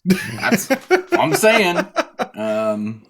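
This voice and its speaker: A man's voice: high-pitched, huge pitch swings, drawn-out words, creaky. A man co-hosting a podcast, talking casually, laughing often and working through his notes. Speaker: podcast co-host.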